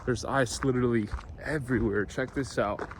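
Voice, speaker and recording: A man's voice: medium pitch, steady tone, normal speed. A man chatting casually and informally as he vlogs out and about, in plain-spoken everyday language. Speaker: vlogger. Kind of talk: casual outdoor vlog chat. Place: outdoors and in a car. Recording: clear outdoor and vehicle noise. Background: outdoor ambience, vehicle noise.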